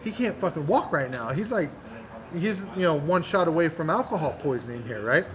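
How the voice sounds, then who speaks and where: A man voicing a panicked young male frat guy, talking in a rushed, exasperated way. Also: a little high, expressive, a crowd in the background, lightly acted, poor audio.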